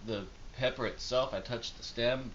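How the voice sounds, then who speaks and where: A man's voice: medium pitch, steady tone, moderate pace, fairly bright tone. A man talking casually to camera in a rambling, self-deprecating way while his mouth burns from hot pepper and his nose runs. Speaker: challenge host. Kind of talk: casual talk to camera during a pepper challenge. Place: indoors at home. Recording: dull lo-fi home video, faint noise.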